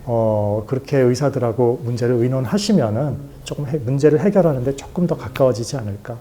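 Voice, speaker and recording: A middle-aged male doctor with a mellow, mid-pitched voice and faint ambience in the background. He speaks calmly and steadily, backing up points and giving gentle advice. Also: slight background noise. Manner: calm, measured, affirming. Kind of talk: medical talk show conversation.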